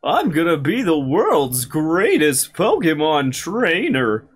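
A man voicing a bratty, sneering young male rival trainer in a video game, taunting and shouty. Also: a little high, huge pitch swings, slow pace, slightly rough, voice pushed up, heavily acted. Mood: boastful.

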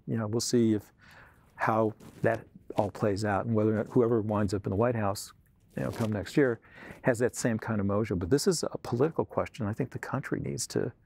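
A man's voice: fairly low pitch, gravelly, a little mellow, breathy edge, no echo. A man in his sixties in a studio interview, earnest and rambling, with lots of "you know", on a lapel mic. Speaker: tech executive interviewer. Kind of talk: conversational interview. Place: studio set with armchairs.

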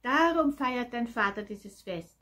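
A woman's voice: a little high, expressive, unhurried, a bit bright, voice pushed up. A woman doing a surprised male farm servant. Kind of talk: children's Bible story reading.

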